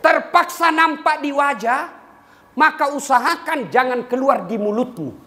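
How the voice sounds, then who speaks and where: A man preaching a humorous sermon to a live audience, swinging between loud and low and breaking into song for laughs. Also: measured pace. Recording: echoey live hall with faint noise.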